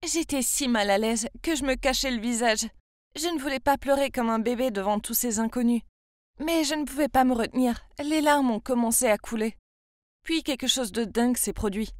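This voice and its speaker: A young woman from France narrates her own story in a confiding, chatty tone. Her voice sits fairly high and sounds close and dry, with no room around it. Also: no echo. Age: 20s. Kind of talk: scripted first-person story narration.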